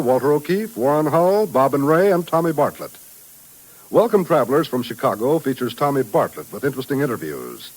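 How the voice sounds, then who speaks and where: On a rough-sounding vintage 1950s radio broadcast, an American man reads a script as an announcer in a polished, declamatory style. His voice sits mid-range, and faint music can be heard.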